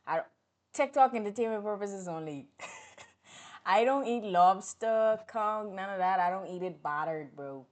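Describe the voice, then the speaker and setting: An unhurried Bahamian woman chats with livestream viewers in a casual, outspoken, animated way. Her volume swings widely, from loud outbursts to low muttering.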